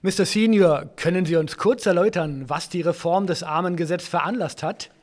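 A man playing a sly Victorian host in a scripted history podcast, smooth and teasing. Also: high voice, a little fast, a little mellow, lightly acted. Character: sly Victorian host, man, posing as a ghostly old partner.

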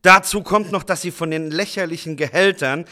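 A man's voice: a little high, moderate pace, sharp tone. A man playing an indignant devout Victorian politician. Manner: indignant, accusing. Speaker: guest debater. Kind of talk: scripted historical role-play podcast.

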